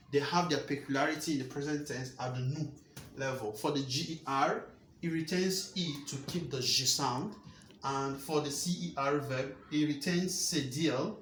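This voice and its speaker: A man teaching a French grammar lesson, explaining patiently and repeating key points with quick rhetorical checks. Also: medium pitch, fairly bright tone, echoey room, slight background noise.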